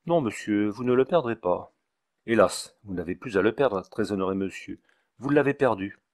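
A man's voice: lowish voice, lively intonation, moderate pace, a little mellow. A man reading the part of a long-winded, ceremonious village doctor in an audiobook. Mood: fussy. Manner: wordy, ceremonious, preachy.

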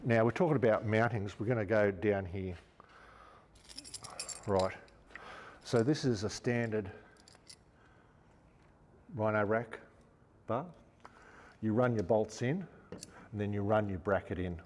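A fairly low-pitched Australian man in his fifties chats casually while working hands-on with gear, acting as an outdoor gear store presenter in a big indoor showroom. He speaks slowly and pauses often, with a large-hall sound and a faint hiss or hum.

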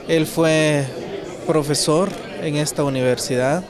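A man's voice: on the high side, fairly even intonation, slow, a crowd in the background. A man in his thirties speaking earnestly in an interview, building his points through repeated emphasis. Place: indoor hall. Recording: crowded indoor event.

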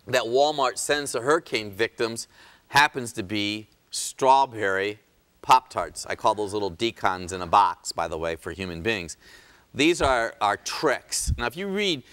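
A man's voice: mid-range voice, fairly bright tone. Male host, chiropractor, emphatic and pleading with a sarcastic streak, mid-range voice. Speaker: chiropractor hosting a health show. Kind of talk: health talk show.

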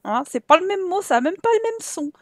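A woman from France with a high voice gives casual let's-play commentary. She sounds exasperated, scolds the characters in her game and laughs often. Her voice is close and dry, with no room sound. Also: big pitch swings, a little fast, no room sound. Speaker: gaming YouTuber.

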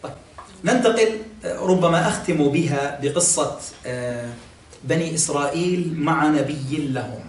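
A man teaching a classroom religious lesson, explaining patiently, quizzing listeners and pausing on fillers. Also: a little high, expressive, slight background noise. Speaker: sheikh teaching Quran exegesis. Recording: echoey room, mic at a distance, faint ambience.

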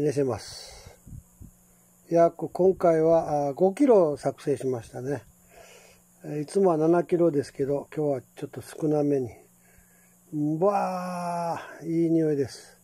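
Slow, chatty older man from Kumamoto. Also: a little high, warm tone, no room sound. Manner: slow, chatty, with many fillers and pleased exclamations. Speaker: home cook vlogger. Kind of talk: casual how-to vlog.

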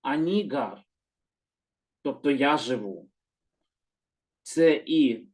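A man teaching a calm, slow lesson, gently repeating words and patiently correcting himself. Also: a little high. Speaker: Hebrew teacher.

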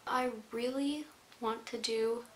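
Taking her time, a young woman hosts a casual, chatty makeup tutorial as a beauty vlogger, her fairly high voice staying steady in tone while her sentences often fade out. She records in an indoor room with a plain wall; there's roomy echo and faint hiss.

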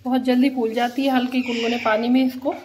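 A woman with a cold and a hoarse voice, casually explaining a home recipe step by step as a cooking vlogger. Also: a little high, little pitch movement, quick pace, darkish tone, slight background noise. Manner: plain, homely instructional tone.

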